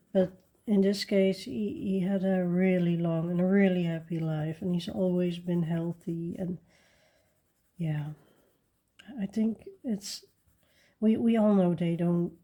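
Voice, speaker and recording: A woman chatting casually while she colors, soft-spoken and rambling with fillers and restarts. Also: lowish voice. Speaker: coloring channel host.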